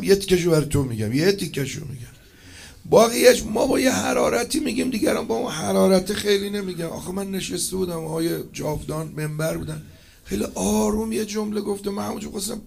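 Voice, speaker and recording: Gravelly man preaching an impassioned sermon. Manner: swings from low murmurs to loud impassioned cries. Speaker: preacher addressing poets and eulogists. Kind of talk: emotional religious mourning sermon.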